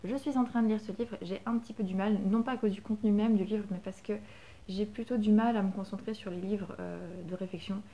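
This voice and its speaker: A woman's voice: medium pitch, steady tone, fairly quick, dark tone. A young French woman and new mother talking casually about books she bought, with many fillers and restarts. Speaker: book vlogger. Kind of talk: casual book haul chat.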